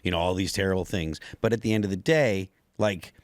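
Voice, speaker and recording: A man in a casual political discussion who talks haltingly, restarting his sentences and hedging with "I think.". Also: deep voice, no room sound.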